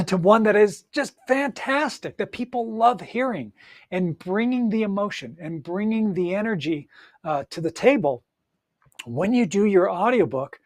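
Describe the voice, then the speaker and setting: Speaking straight to the listener, a high-voiced man coaches with cheerful encouragement, his talk full of fillers and false starts. It's an audiobook recording with clean studio sound and no room sound.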